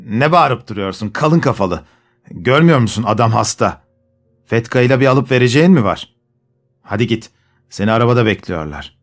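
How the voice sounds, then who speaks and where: A man's voice: medium pitch, lively intonation, moderate pace, soft background music, close to an everyday voice. A man voicing an impatient coachman who rebukes a younger man brusquely. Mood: scolding.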